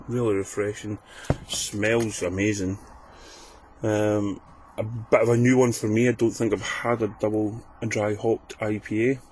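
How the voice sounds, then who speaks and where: A man records a casual review at a slow pace. His voice sits slightly low, with faint ambient noise behind it. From Fife, Scotland. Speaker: listener sending in a review. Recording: clear ambient background noise.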